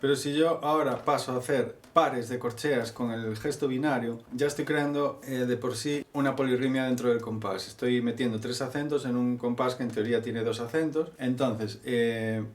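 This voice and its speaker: A man's voice: mid-range voice, steady tone, moderate pace, few pauses. A man teaching bouzouki rhythms in a vlog, patiently explaining and counting beats aloud. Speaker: music teacher. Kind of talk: instructional vlog. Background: loud bouzouki playing.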